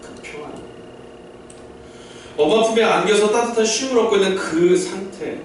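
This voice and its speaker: A man's voice: high voice, moderate pace, slight background noise. A male pastor preaching a sermon to a mixed-age congregation, explaining things and asking them questions. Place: church sanctuary. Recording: very echoey hall, distant mic.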